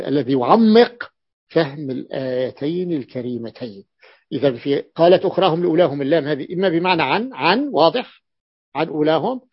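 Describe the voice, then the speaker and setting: A male grammar teacher giving a classroom lesson, explaining slowly and repeating key phrases, with drawn-out hesitations. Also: a little high, no room sound. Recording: dull, dry, lo-fi classroom recording.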